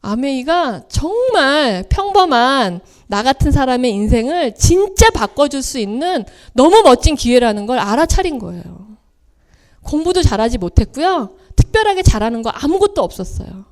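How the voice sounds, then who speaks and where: A high-voiced woman speaks at a seminar. Her pitch leaps and falls as she tells personal stories, and she slips into the voices of the people she quotes. She is middle-aged and talks in the manner of a motivational speech. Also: big pitch swings, moderate pace, a little mellow. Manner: storytelling, acting out quoted family voices with big swings.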